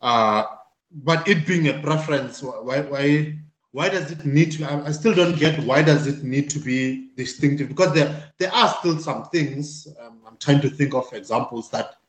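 A man's voice: a little high, normal speed. A man in a casual debate, pushing back with repeated questions and stammering restarts. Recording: roomy echo.

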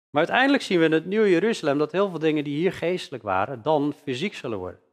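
A male preacher delivers a sermon, pressing on key words with earnest emphasis. His voice sits a little high for a man. A long reverb trails each phrase, as in a large church hall.

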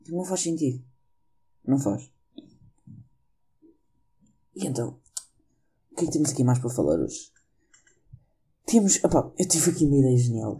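Husky, dark-voiced Portuguese comic rambling. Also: male voice, mid-range voice. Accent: European Portuguese. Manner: rambling and self-mocking, joking at his own jokes. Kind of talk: casual comedic monologue. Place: at home during lockdown.

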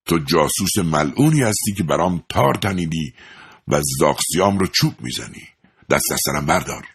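A man voicing a pompous, fraudulent male high priest who blusters and shouts in a storybook reading. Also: expressive, breathy edge, heavily acted. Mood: furious.

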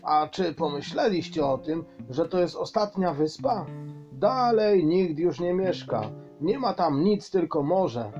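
A man voicing a proud, enthusiastic father troll who talks in grand, excited phrases. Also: on the high side, lo-fi sound, pitched above the performer's own voice.

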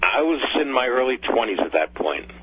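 A man's voice: medium pitch, big pitch swings, normal speed, breathy edge. An older man from New Jersey, heard over the phone as a caller on a radio talk show, reminiscing in a hesitant way with many fillers and restarts. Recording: dull phone line with faint hum.

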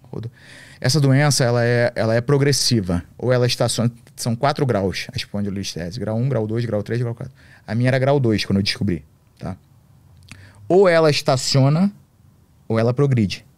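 A man's voice: mid-range voice, fairly quick, a little mellow, dry recording. A Brazilian man telling a personal story in slangy, profane casual talk. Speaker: podcast guest.

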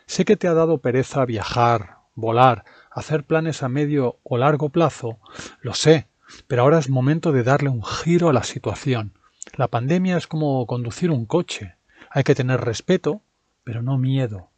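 Calm male Spanish teacher reading aloud. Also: mid-range voice, normal speed, no room sound.

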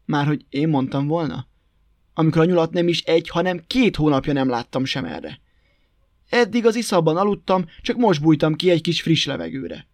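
A sly, cheeky old toad chats in a teasing, mock-innocent way, with a man doing the voice. The voice sits a little high for a man, and the storybook recording is dry and close. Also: big pitch swings, no echo.

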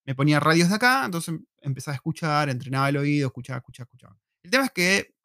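A man's voice: on the high side, very fast, no echo, clean studio sound. An Argentine man with an Argentine Spanish accent, hosting a live casual chat at home at a desk mic, joking and slangy. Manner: joking, slangy, animated storyteller. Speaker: host. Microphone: desk microphone.

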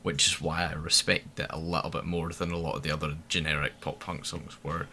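A man co-hosting a casual music review podcast, animated and opinionated, often restarting his sentences. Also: rumbling low, brisk, a little hiss or hum. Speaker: podcast co-host.

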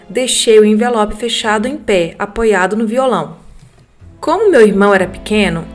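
Brazilian woman narrating ghost stories. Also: mid-range voice. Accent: Brazilian Portuguese. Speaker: podcast narrator reading listener stories. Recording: faint music bed behind the voice.

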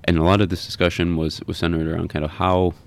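A man hosting a podcast interview, talking in a halting way and often repeating words. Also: low voice, little pitch movement, gravelly, clear, resonant tone. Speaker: podcast host.

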